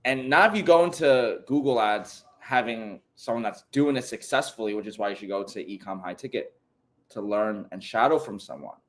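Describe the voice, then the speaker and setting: A man's voice: on the low side, normal speed. A man co-hosting a casual livestream, joking around and packing his talk with filler words. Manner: joking, lots of "like", animated. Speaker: livestream co-host.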